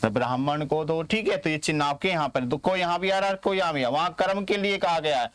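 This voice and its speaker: A man from India teaching a grammar lesson, who asks questions and answers them himself and repeats words slowly. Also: fairly high pitch, a bit bright, clean tone, dry recording.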